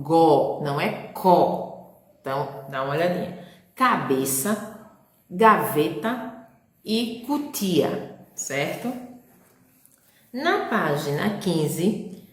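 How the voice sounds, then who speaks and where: A woman with a Brazilian Portuguese accent teaches young children in a recorded lesson. She speaks very slowly and patiently, with a lowish voice. She spells out each sound, and an echoey room rings around her.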